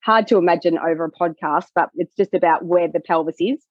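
A woman pelvic health coach explaining her work in a podcast conversation, animated and acting out what clients say. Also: fairly low pitch, a little fast, dry recording, highs cut off. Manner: animated, acts out clients' voices.

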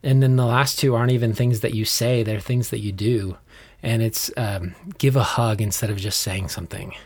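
A man's voice: fairly low pitch, fairly even intonation, normal speed, slightly rough. A man with an American accent, co-hosting a podcast in a conversational style. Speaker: podcast co-host.

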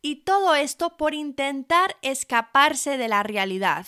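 A young woman hosting her own podcast, talking in a chatty, animated way and laughing between thoughts. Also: sits high, unhurried. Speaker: podcast host. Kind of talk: casual solo podcast talk.

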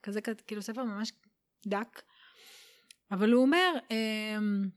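A woman guest on a podcast, explaining spiritual ideas in an unhurried, warm way and dropping in English phrases. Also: mid-range voice. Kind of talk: casual explanatory conversation.

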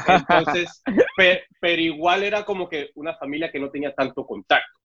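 In a dull, muffled recording, a young Cuban-born interview guest with a Mexican Spanish accent tells his story and acts out dialogue in a raised voice. His voice is fairly high, bright and forceful, at a moderate pace.

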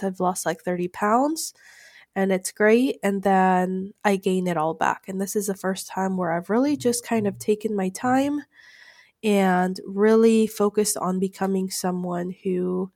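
A woman's voice: medium pitch, darkish tone, no room sound, clean studio sound. A woman speaking in a casual, chatty way straight to her listeners, often saying "like" and explaining directly and reassuringly. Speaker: weight-loss vlogger. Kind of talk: casual solo talk to camera.

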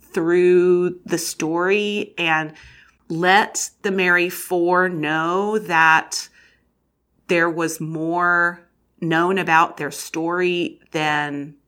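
A woman's voice: lowish voice, bright, forceful tone. A woman co-hosting a podcast, chatting casually and enthusiastically about a book, laughing often. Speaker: podcast co-host.

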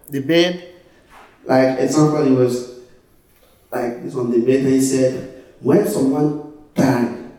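A man from Ivory Coast with an Ivorian French accent, a native French speaker giving a personal testimony to a group in halting English, searching for words. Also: mid-range voice, warm tone. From Ivory Coast, West Africa. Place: echoey room, away from the mic. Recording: very echoey room, distant mic.

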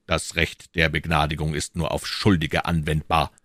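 A man's voice: extremely low pitch, little pitch movement, moderate pace, fairly bright tone, dry recording, studio quality. A man voicing a proud, defiant musketeer captain who speaks in a firm, unyielding way.

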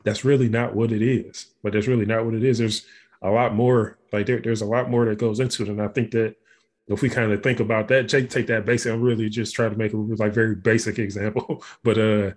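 A man's voice: fairly low pitch, flat delivery, fairly quick, a little mellow. Man in casual rambling chat. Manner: rambling, frequent restarts and fillers. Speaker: podcast co-host. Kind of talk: casual conversation.

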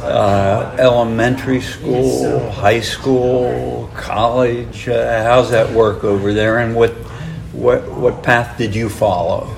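Slow, halting male interview host. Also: mid-range voice, level tone, vocal fry, music in the background. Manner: halting, many uhs. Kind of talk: casual interview.

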